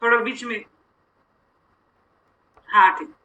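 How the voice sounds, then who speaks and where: A man with a very high, bright voice briefly prompts off to the side. The sound is dull and muffled. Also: fairly even intonation, slow.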